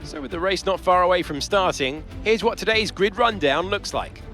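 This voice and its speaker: A man voicing a male in-game race commentator, reading the grid in smooth broadcaster delivery. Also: high-pitched, moderate pace, a bit bright, faint music behind. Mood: measured.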